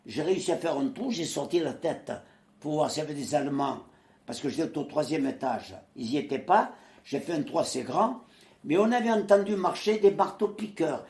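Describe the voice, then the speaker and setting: A man's voice: fairly high pitch, creaky, roomy sound. A man in his nineties, originally from Marseille, telling his wartime memories in conversation and acting out the voices of people he quotes, with frequent hesitations. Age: 90s. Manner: lively storyteller who acts out quoted voices, with frequent hesitations. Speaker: interviewee, former resistance fighter.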